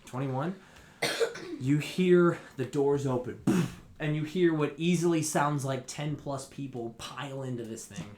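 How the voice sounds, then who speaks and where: Man narrating a tabletop game, echoey room. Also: a little slow. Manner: lively, high-pitched character voices. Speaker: dungeon master. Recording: echoey room, faint noise.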